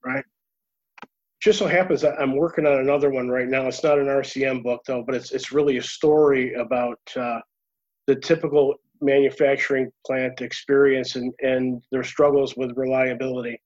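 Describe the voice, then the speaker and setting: A man's voice: mid-range voice, steady tone, normal speed, darkish tone, dull audio. A male podcast guest talking over a video call in a rambling, hesitant way, with many restarts. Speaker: guest, author and trainer. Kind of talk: casual panel chat.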